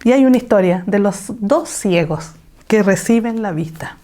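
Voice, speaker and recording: A woman's voice: mid-range voice, animated, moderate pace, dark tone, slight background noise. A woman teaching an online women's Bible lesson over a video call, urging her listeners and asking them rhetorical questions.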